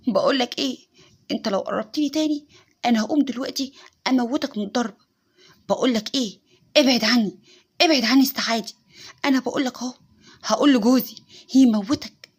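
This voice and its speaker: A woman with an Egyptian accent voicing a young, mentally unstable wife who makes loud, frantic threats in a spoken story. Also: on the high side, animated, quick pace, slightly rough. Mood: threatening. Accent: Egyptian Arabic.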